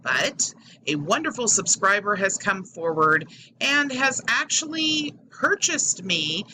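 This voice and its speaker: A woman's voice: medium pitch, sing-song, slow, bright, forceful tone. A woman hosting a YouTube commentary, talking casually to subscribers, her voice metallic and hollow as if through a faulty microphone. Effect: metallic, tinny, hollow sound from faulty microphone. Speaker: YouTube host. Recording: tinny hollow microphone, fan noise behind. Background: whirring fan.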